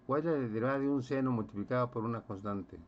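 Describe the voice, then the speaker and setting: A man's voice: medium pitch, quick pace. Man teaching physics, dull lo-fi sound. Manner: checks in with "¿sí?", quizzes students. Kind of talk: classroom lecture. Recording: dull lo-fi recording.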